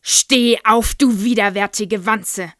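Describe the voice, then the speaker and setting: A woman's voice: medium pitch, fairly even intonation, takes it slowly, fairly bright tone, no echo, clean studio sound. A woman voicing a huge, brutal, child-hating headmistress who bellows insults at a pupil. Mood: furious bellowing.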